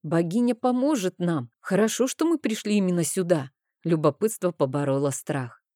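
A woman reading a fantasy audiobook in the first person, with steady storytelling. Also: lowish voice, moderate pace, dry recording, studio quality. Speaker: audiobook narrator.

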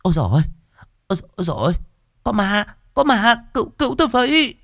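Man in falsetto as a hot-tempered village woman, shrill, high, dry. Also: sing-song, quick pace, vocal fry, fairly bright tone, no echo, full character voice. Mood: terrified.

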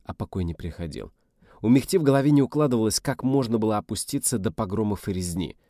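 A man reading a novel aloud in a steady, measured storytelling voice. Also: on the low side, no echo, clean studio sound. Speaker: audiobook reader. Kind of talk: scripted narration.

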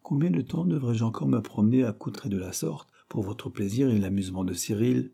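A man's voice: medium pitch, a little fast, creaky, mellow, slightly rough. A man voicing a confident young male clerk who jokes and banters lightly. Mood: teasing.

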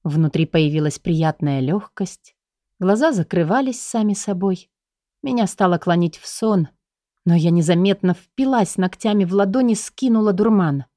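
A woman calmly narrating a story in the first person. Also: fairly low pitch, moderate pace, no room sound, clean studio sound. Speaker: audiobook narrator.

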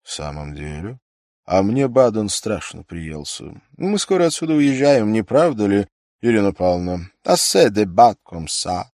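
A man's voice: fairly low pitch, big pitch swings, measured pace, darkish tone, no echo, studio quality, pitched above the performer's own voice. A man reading an audiobook, voicing a haughty middle-aged general with condescending, affectedly polite speech.

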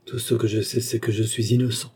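A man's voice: medium pitch, level tone, brisk, a little mellow, breathy edge. A man reading the part of a despairing young prisoner, speaking in a hollow, desperate way.

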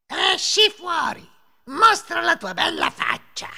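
A spiteful old witch, put on by a male storyteller, shrieking high and wildly swooping, slow and drawn out, with a gravelly edge. The voice rings with a long, hall-like reverb. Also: wildly swooping pitch, bright, forceful tone, full character voice. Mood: furious. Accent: Italian.

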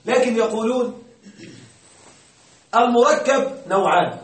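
A man's voice: extremely high pitch, unhurried, fairly bright tone. A man teaching grammar to a class, often asking a question aloud and then answering it himself. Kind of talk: classroom lecture. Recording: roomy, distant mic.

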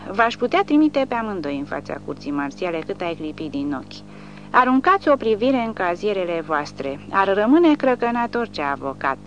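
A woman voicing a coarse, bullying male army sergeant who shouts and blusters. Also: mid-range voice, very animated, close to an everyday voice. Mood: angry. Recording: dull recording with faint hum.

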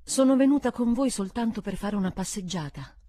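A woman's voice: medium pitch, animated, fairly quick, dark tone, voice pushed up, natural voice. A woman as an intense young governess. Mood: explaining. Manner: urgent, emphatic delivery.

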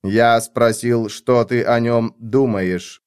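A man reading an audiobook, voicing a cold male overseer who speaks slowly and without emotion. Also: medium pitch, clean tone, lightly acted. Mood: dispassionate. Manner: flat, unhurried, emotionless. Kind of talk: audiobook character voice.

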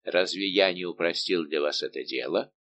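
Male reader voicing a haughty young king: imperious, indignant, low-pitched audiobook read. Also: normal speed, fairly bright tone. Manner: commanding, indignant questioning. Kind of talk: audiobook reading.

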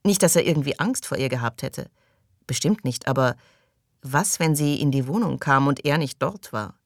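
A woman narrating an audiobook in a measured, even storytelling manner. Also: rumbling low, no room sound, clean studio sound. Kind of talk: scripted narration.

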